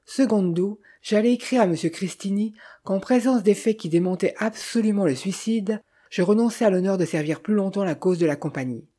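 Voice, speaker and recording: A steady audiobook reading of an old detective novel, told in the first person. The voice is mellow and dark in tone, with a husky texture. The pitch sits in a middle range, and the delivery stays measured. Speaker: audiobook narrator. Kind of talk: scripted first-person narration.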